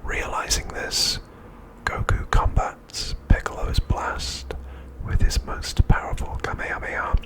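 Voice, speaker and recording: A male ASMR host narrates a scripted recap in an unvoiced, breathy whisper, keeping his delivery hushed and measured.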